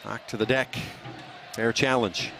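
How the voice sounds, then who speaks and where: A man doing live play-by-play soccer commentary, calling player names in brisk short bursts. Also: medium pitch, steady tone, gravelly, bright, forceful tone, some chatter behind, slight background noise.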